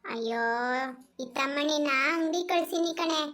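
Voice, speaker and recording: Brief: nagging, fed-up village wife, very high piercing voice, skit comedy. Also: female voice, measured pace, a bit bright. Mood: weary grumbling. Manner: scolding, grumbling lament.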